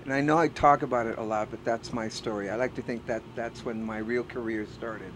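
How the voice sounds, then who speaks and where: Middle-aged man, earnest and hesitant, casual backstage interview with clear background noise. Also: medium pitch, fairly even intonation, a little fast, low-quality recording. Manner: earnest and reflective, frequent "uh" hesitations. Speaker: bass player. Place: backstage at a music festival.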